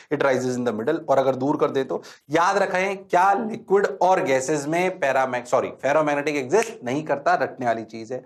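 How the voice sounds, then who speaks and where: A man teaching physics in a lecture, mixing Hindi and English, often asking his class whether things are clear and telling them to write quickly. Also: mid-range voice. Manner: asks students frequent check questions, urges them to write fast.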